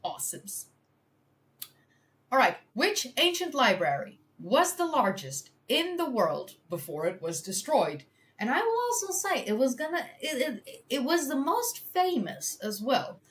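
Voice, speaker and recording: Slow, lively Dutch woman streamer. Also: sits high. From Netherlands. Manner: thinks aloud, chatty and self-deprecating, laughs often. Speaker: streamer doing a history quiz. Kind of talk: casual live-stream chat.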